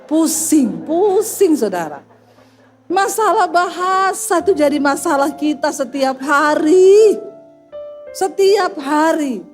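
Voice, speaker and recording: A woman's voice: high-pitched, slow, faint music behind. A middle-aged woman pastor with a Sulawesi accent, telling funny stories in a sermon and acting out both sides of her arguments. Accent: Sulawesi Indonesian. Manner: animated, acts out both sides of arguments, addresses listeners as saudara. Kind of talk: humorous sermon storytelling.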